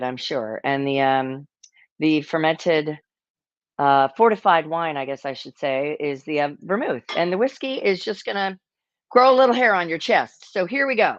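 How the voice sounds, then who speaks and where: A woman's voice: lowish voice, no room sound, muffled recording. A woman hosting a casual cocktail-making demo, chatty and self-deprecating, with rambling asides. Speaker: cocktail show host.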